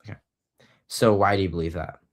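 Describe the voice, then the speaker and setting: A young man hosting a casual online debate, hesitant, restarting sentences and slowing down to press his points. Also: low-pitched, fairly even intonation. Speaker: debate host.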